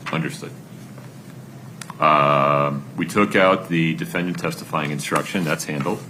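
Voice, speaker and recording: A man presiding as judge, giving measured, deliberate rulings in a courtroom recording. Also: rumbling low, fairly even intonation, bright, forceful tone. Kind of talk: courtroom proceedings. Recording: courtroom recording with background noise.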